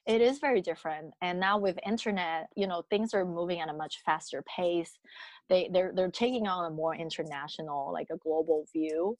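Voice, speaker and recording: A woman's voice: fairly low pitch, normal speed, dry recording, rough recording. Reflective Taiwanese mother in her thirties. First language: Mandarin. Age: 30s. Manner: reflective, many fillers and restarts. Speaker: interviewee, mother. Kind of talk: casual interview chat.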